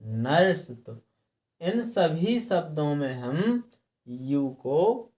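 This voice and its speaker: A man's voice: fairly high pitch, big pitch swings, extremely slow, mellow. A middle-aged man teaching a lesson, repeating rules and asking questions that he then answers himself. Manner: repetitive, asks and answers his own questions. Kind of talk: classroom lesson explaining English pronunciation rules.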